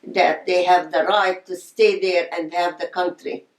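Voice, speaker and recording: Older woman from palestine, low voice, outspoken, echoey room. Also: fairly even intonation, a little slow. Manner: outspoken, passionate storytelling. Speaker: interviewee. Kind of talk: oral history interview.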